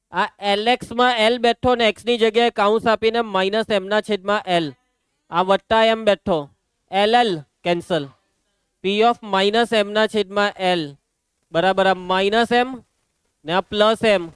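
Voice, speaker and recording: Gujarati male teacher, high and smooth, brisk and teasing with students, dry close mic. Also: no echo. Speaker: maths teacher. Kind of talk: classroom lesson.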